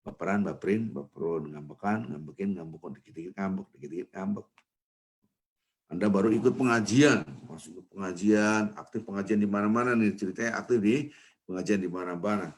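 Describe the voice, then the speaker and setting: A man giving a morning mosque sermon as a preacher, lively and acting out little everyday scenes with mimicked voices. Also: low-pitched, a little fast. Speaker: ustadz, preacher.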